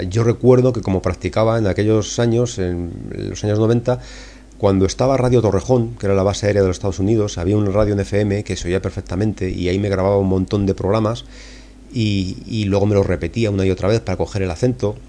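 A middle-aged Spanish man hosts a language podcast in a relaxed, chatty way. His voice sits a little low and sounds dark and mellow. He wanders between points, dotting his speech with fillers and tag questions. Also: fast. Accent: Spanish, from Spain. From Spain. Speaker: podcast host and English teacher. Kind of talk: casual spoken lesson.

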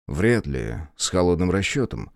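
Man reading a terse, calm investigator. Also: low voice, normal speed, no room sound, studio quality. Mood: curt.

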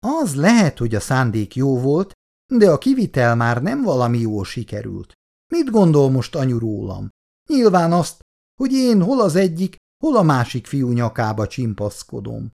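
A reader voicing a proud, touchy young woman who speaks in sharp, indignant lines in a storybook reading. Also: very deep voice, big pitch swings, creaky, voice pushed up, heavily acted.

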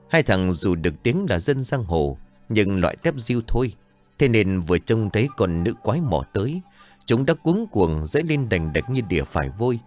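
A man narrating a comic ghost story, playful and full of idioms and rhymes. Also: lowish voice.

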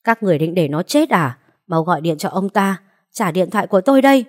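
A woman's voice: medium pitch, lively intonation, moderate pace, darkish tone, natural voice. A woman voicing a frantic, tearful old grandmother who pleads and coaxes. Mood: furious.

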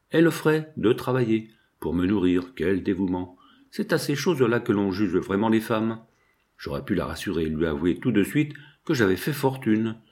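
A man reading a first-person literary novel as an audiobook, measured and expressive. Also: sits low. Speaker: audiobook narrator.

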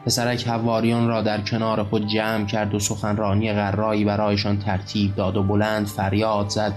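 A man narrating his own novel as an audiobook, in an even, measured literary reading. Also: fairly low pitch, faint music behind. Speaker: author and narrator.

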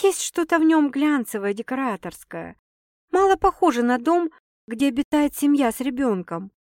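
A woman's voice: sits high, lively intonation, normal speed, darkish tone, dry recording, pitched above the performer's own voice. A woman reading out a flustered young woman in a storybook, hesitant and a little defensive, her voice lifted above plain narration. Dry, close sound. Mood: unsettled. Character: flustered young woman, wary but curious.

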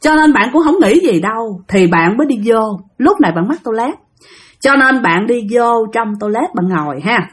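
A woman's voice: a little high, expressive, normal speed. A woman telling a ghost story in a chatty manner, speaking directly to her listeners. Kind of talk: spoken ghost story narration.

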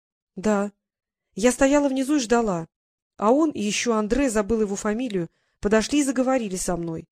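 A woman voicing a timid young woman in an audiobook, speaking gently and shyly. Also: fairly high pitch, a little fast, dry recording, studio quality, close to an everyday voice. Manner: gentle, shy and pleading. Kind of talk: audiobook character reading.

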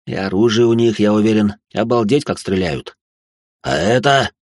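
A man narrating a dramatic first-person story with quick asides. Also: lowish voice, steady tone, darkish tone, dry recording, studio quality.

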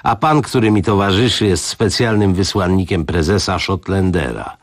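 A man's voice: low voice, normal speed, no echo, clean studio sound, voice pushed up. A man reading the part of a blunt police detective who speaks in a provocative, sardonic manner. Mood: needling. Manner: needling, sardonic.

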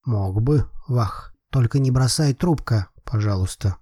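A male narrator performs a proud, hot-tempered old father who pleads in heavy, slow, emphatic phrases with broken grammar. The voice is warm, husky and medium-pitched, recorded close and dry for an audiobook with no echo.

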